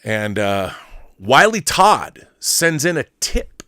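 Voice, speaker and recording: A middle-aged man hosts a film fandom livestream, speaking slowly at medium pitch with wide swings in intonation and a sharp tone, with no echo. As an enthusiastic, opinionated fan, he gives casual commentary and answers viewer messages, rambling and repeating words while he thinks.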